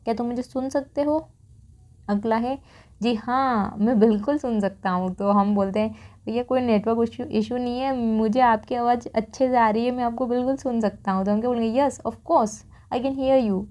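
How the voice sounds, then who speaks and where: A young Indian woman teaching spoken English, who reads each English sentence slowly twice and then explains it. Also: on the high side, fairly even intonation, mellow, lo-fi sound. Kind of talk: spoken English lesson in Hindi.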